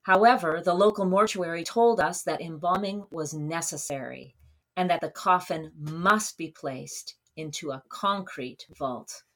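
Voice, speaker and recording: Woman reading her memoir out loud, kinda low voice, measured and earnest, lines fade out soft at the end. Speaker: narrator.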